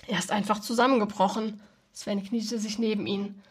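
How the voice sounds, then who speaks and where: A woman reading a novel aloud, who also explains the story in a relaxed, casual way with many ums. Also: mid-range voice, normal speed, slightly rough. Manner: relaxed, with many ums when talking freely.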